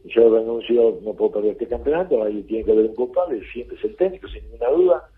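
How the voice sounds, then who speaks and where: A man with a Rioplatense Argentine accent speaks bluntly and colloquially as a football coach guest on a radio show. His voice sits at an ordinary pitch. It comes through a thin, tinny phone line. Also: animated, fast talker. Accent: Rioplatense Spanish. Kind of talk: radio interview.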